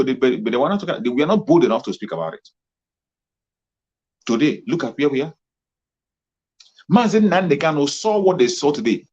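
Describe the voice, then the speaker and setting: A fervent man speaks in a husky, slightly rough voice at a middling pitch, pressing his points again and again like a rallying commentator. The sound is muffled and lo-fi, with the top end dulled. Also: a little mellow. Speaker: political commentator. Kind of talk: impassioned political monologue. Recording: muffled lo-fi recording.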